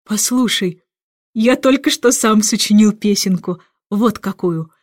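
A woman voicing a forgetful, boastful, childlike king in a storybook reading, speaking slowly and grandly. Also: mid-range voice, dry recording, clean studio sound, close to an everyday voice. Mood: overjoyed, singsong. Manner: slow, drawn-out, pompous delivery.

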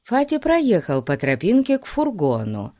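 A woman reading a children's story aloud with measured storytelling. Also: mid-range voice, wildly swooping pitch, warm tone, dry recording, studio quality. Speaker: audiobook reader. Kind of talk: scripted narration.

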